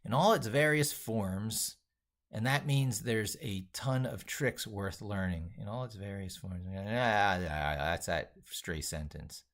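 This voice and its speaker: Narrating his work as he goes, a man rambles through an unscripted live-stream tech tutorial and leans heavily on his points. His voice sits lowish and fairly bright, and he speaks slowly.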